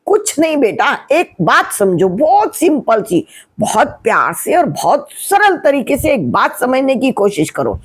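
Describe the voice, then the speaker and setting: A woman's voice: sits high, very animated, a little slow, breathy edge. A woman in her sixties, a retired teacher, gives patient family advice, asking questions and answering them herself. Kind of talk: explanatory family advice talk.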